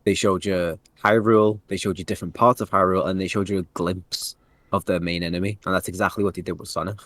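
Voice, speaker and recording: A man co-hosting a casual podcast, talking fast and acting out lines he quotes. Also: low-pitched. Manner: animated, swearing, acts out quotes. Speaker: podcast co-host. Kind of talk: casual chat.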